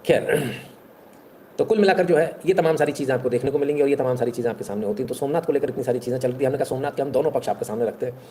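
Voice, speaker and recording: A man hosting a casual talk to his viewers, rhetorical and animated, who keeps asking if they follow. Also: mid-range voice, slight background noise. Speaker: online history talk host.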